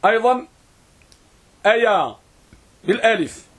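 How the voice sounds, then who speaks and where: A male teacher with a somewhat high, husky voice gives a grammar lesson. He says each term, then repeats it and stretches the sounds out slowly so his students can write along. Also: expressive, fairly bright tone. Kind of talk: classroom lesson.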